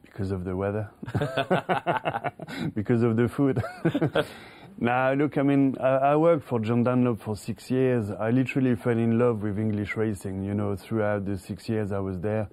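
A middle-aged racehorse trainer from France, whose first language is French, answers interview questions with many restarts and chuckles. His medium-pitched voice has a darkish tone and a measured pace.

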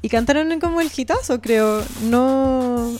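A woman's voice: high-pitched, unhurried, a little mellow, faint music behind. A young Chilean woman co-hosting a casual pop culture chat, slangy and laughing often.

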